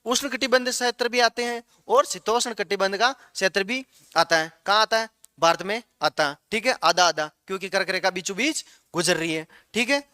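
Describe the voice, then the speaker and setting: A man's voice: high voice, normal speed, sharp tone, no room sound, studio quality. A man teaching geography, asking the class questions and repeating the answers in a classroom lecture.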